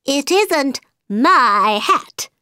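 A woman's voice: high voice, very animated, drawn-out words, sharp tone, a little hiss or hum, voice pushed up, heavily acted. A woman voicing a nervous, muddled male hatter who pleads and fumbles in court. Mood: flustered. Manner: flustered, pleading.

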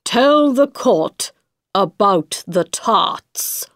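Lady doing a blustery king barking orders, real slow and lively, dry close sound. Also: mid-range voice, no echo. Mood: commanding. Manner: commanding, emphatic. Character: stern, blustering male king presiding over court.

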